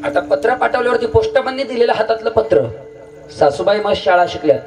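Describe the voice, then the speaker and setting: A man's voice: high voice, darkish tone. A man preaching a kirtan, telling a story in a swooping sing-song voice and repeating lines back to the crowd. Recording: distant mic with faint music.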